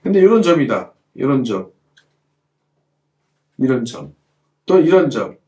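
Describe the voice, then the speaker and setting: This middle-aged calligraphy teacher speaks in a warm, mid-range voice that swings widely in pitch and moves a little slowly, with a roomy sound. He demonstrates as he teaches, going over points again and asking students rhetorical questions.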